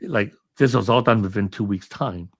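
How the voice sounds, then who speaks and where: A man's voice: lowish voice, moderate pace, no room sound. A man from Hong Kong, a guest in an interview, telling a story casually with lots of fillers and restarts. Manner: rambling with many fillers and restarts. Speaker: interview guest, film commentator.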